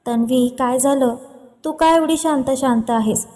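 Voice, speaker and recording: A woman voicing a lively, teasing young sister who keeps asking questions. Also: sits high, unhurried, in a large hall. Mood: chatty. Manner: chatty, pestering questions.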